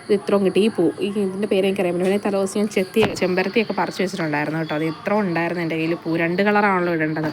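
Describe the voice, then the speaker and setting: A young woman talking through her morning in a casual vlog, chatty and rambling, her voice a little rough from allergies. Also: medium pitch, poor audio. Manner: chatty, rambling, often trails off. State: voice changed by allergy, sneezy. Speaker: vlogger. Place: outdoors at a home yard. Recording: outdoor vlog with loud ambient noise. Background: insects and animals.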